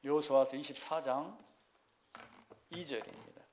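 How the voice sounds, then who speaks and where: A male pastor preaching a sermon in a conversational way, asking the congregation questions and swinging between loud emphasis and quiet asides. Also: on the high side, fairly even intonation, measured pace, slight background noise.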